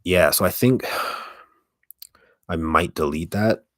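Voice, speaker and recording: A man with a deep, gravelly voice chats casually on a livestream in a halting way, often interrupting himself, close to the microphone. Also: dry recording. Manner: halting, self-interrupting, mild swearing. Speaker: ASMR streamer hosting a live stream. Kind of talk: casual rambling livestream chat.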